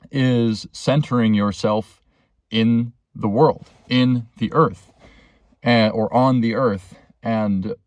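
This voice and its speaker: A man's voice: mid-range voice, no echo. Man musing from the roadside. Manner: rambling, earnest, many fillers. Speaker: vlogger. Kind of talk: reflective self-help monologue. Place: beside a road, waiting for a tow truck.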